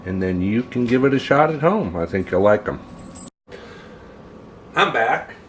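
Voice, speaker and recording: A man's voice: medium pitch, animated, measured pace, a little hiss or hum. A man hosting a casual home cooking video, easygoing and plainspoken as he walks through a family recipe. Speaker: home cook, channel host.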